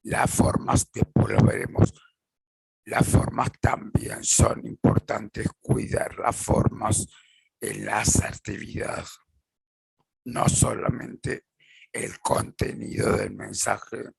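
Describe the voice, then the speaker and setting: A man giving a measured lecture, repeating points and acting out example phrases. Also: on the low side, little pitch movement, creaky, slightly rough, no echo, poor audio. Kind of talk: slow explanatory lecture with acted examples.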